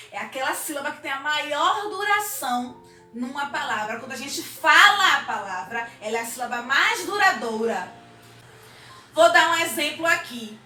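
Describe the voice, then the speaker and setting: High-voiced Brazilian teacher in an echoey room. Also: female voice, sharp tone, far from the mic. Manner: upbeat, drawn-out syllables when sounding out words. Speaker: primary school teacher. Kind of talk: recorded video lesson for children. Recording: echoey room, voice off-mic, music behind.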